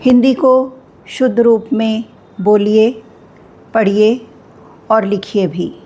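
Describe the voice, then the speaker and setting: A woman teaching a Hindi spelling lesson, slow and deliberate, spelling out sounds with pauses. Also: a little high, warm tone.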